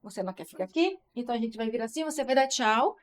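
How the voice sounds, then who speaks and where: A woman's voice: fairly high pitch, lively intonation, very fast. A young woman in casual live-stream chat, talking to viewers and checking in with tag questions.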